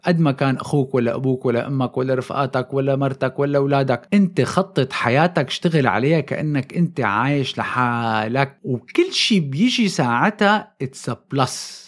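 A man giving an earnest motivational monologue, repeating his points and dropping in English phrases. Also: mid-range voice.

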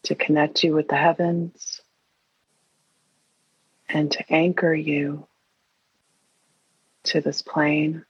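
Woman doing guided meditation, super breathy and airy, really flat and soothing, kinda roomy muffled recording. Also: low-pitched. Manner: soothing, hushed, unhurried delivery with long pauses. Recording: roomy, dull lo-fi sound.

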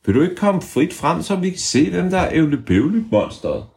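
A man's voice: a little high, sing-song, vocal fry, darkish tone, voice pushed up. A man voicing a huffy, indignant little frog boy who pleads and protests in a storytelling.

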